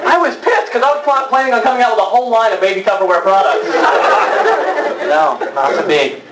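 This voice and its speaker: A man doing a stand-up comedy routine, delivering deadpan punchlines and acting out little voices. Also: extremely high pitch, very fast, over a noisy crowd. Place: club stage with audience laughter. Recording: roomy live club recording, mic far off, loud noise.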